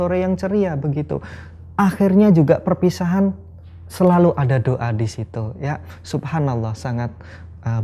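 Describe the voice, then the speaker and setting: Mellow-voiced, patient language teacher. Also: mid-range voice. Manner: patient, ends phrases with a tag "ya", repeats each example slowly. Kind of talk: recorded language lesson. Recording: dull lo-fi recording.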